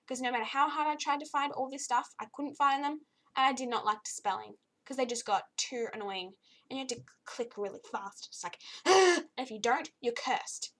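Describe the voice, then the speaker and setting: Her voice is fairly high and a bit bright, though slightly croaky today, as a young woman gives a loose, chatty spoken review of a video game. She gets exasperated easily, with lots of ums and restarts.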